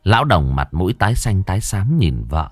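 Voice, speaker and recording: A man's voice: deep voice, sing-song, a little fast, no echo, studio quality, soft background music. A man narrating a comic folk tale in a playful, exclamatory way. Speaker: storyteller.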